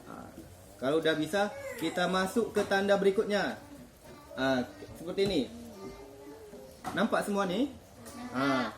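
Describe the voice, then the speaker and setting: A man's voice: sits high, animated, unhurried, pauses often, over music. A man teaching children to read the Quran in a classroom, patiently quizzing them and praising their answers. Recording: echoey classroom.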